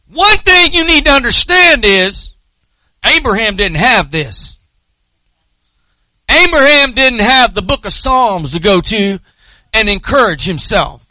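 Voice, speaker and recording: Casting: male preacher, forties, Southern US accent, very high forceful voice, folksy storytelling sermon delivery. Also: very animated, slow pace, long pauses, no room sound. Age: 40s.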